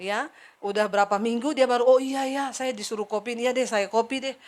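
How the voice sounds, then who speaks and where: A middle-aged woman preaching a sermon, telling a personal story with lively acted-out dialogue and asides to the congregation. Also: on the high side, a little fast.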